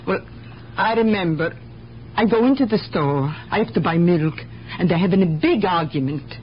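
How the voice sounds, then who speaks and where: A lowish, natural-sounding female voice delivers the part of a guarded, plain-spoken immigrant woman in a 1970s radio mystery. The character is weary of the world and talks in broken grammar, and the actress plays her animatedly at a moderate pace, with a confiding, resigned tone. The old recording is dull and faintly noisy.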